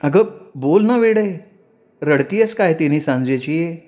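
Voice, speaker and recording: A man's voice: a little high, animated, a little slow, warm tone, voice pushed up. A man voicing an aging village mother-in-law in a Marathi story reading, with a raised, anxious voice.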